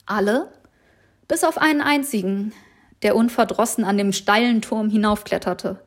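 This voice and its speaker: A woman giving a recurring audio message, calmly reading out a fable in a measured, unhurried way. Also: medium pitch. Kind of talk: storytelling a fable.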